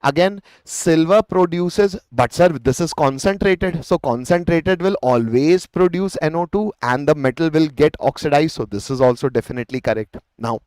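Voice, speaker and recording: In a fairly high, slightly mellow voice, an Indian-accented chemistry teacher works through a live revision lecture at a moderate pace with few pauses. He explains step by step, repeats phrases and answers his own questions. There's no echo, but the audio is poor.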